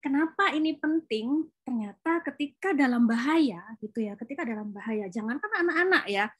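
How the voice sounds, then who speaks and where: A woman's voice: high-pitched, expressive, fairly quick, breathy edge. A woman, presenting a board game she co-created in a chatty, explanatory way, with frequent fillers. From Java, Indonesia. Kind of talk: informal presentation.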